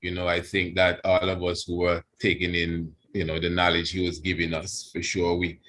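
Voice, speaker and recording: A man giving a reverent religious address as a priest, in Rastafarian speech, halting and deliberate, repeating phrases for emphasis. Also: deep voice, completely flat delivery, fairly bright tone.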